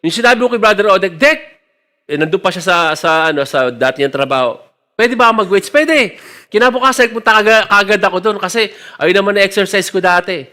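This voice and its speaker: High bright-voiced preaching man. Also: fast talker. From Philippines. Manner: mixes Tagalog and English, emotional testimony. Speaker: church elder preaching. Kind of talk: sermon testimony.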